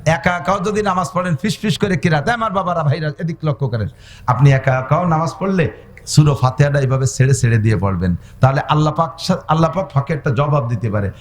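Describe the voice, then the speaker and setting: A man with a Gopalganj Bengali accent preaching a humorous waz sermon, swinging from loud exhortation to soft, high mock-dialogue. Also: fast talker. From Bangladesh. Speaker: Islamic preacher.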